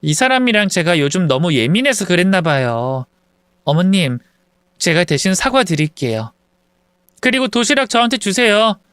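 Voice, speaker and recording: A man's voice: high-pitched, a bit bright, clean tone, dry recording, studio quality. A man voicing a polite apologetic young wife. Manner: formal, apologetic and soothing.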